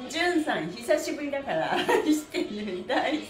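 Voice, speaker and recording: A woman leads a live stretching class, chatting with viewers and chanting counts in a cheerful, encouraging way, laughing often. Her voice is high-pitched with big pitch swings and a moderate pace. The room echoes, with soft background music and faint background noise.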